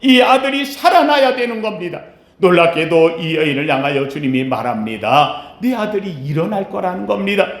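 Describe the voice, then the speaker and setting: A male pastor delivering an emphatic sermon, with sharp rises and slow, low falls. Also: expressive. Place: church sanctuary. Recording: echoey church sanctuary.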